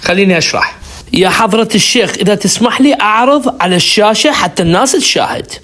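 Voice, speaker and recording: A man's voice: high voice, lively intonation, quick pace, a bit bright. A man, a caller in a heated religious debate, insisting on a chance to answer and explain.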